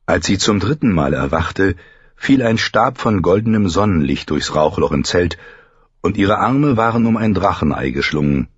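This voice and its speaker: A man narrating a fantasy audiobook in a measured, even storytelling manner, with a husky voice. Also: sits low, no echo, highs cut off.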